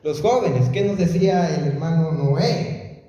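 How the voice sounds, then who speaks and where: Preacher guy, slow sermon, asks the crowd stuff, big echoey hall w/ a little hiss. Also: on the high side, mellow, highs cut off. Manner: questioning the congregation directly. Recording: echoey hall, faint noise.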